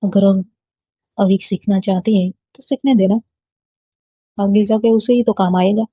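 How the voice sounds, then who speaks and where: A woman's voice: medium pitch, steady tone, a little slow, mellow, breathy edge, no room sound. A woman reading a storybook voicing a firm, caring old grandmother who scolds lovingly. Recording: dull lo-fi dry recording.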